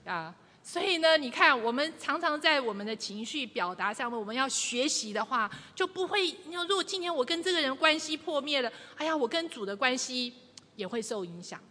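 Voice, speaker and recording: A woman giving a lively church teaching, acting out quoted lines with humor. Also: high-pitched, brisk. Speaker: church speaker. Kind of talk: sermon teaching to a congregation. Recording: long reverb of a large hall.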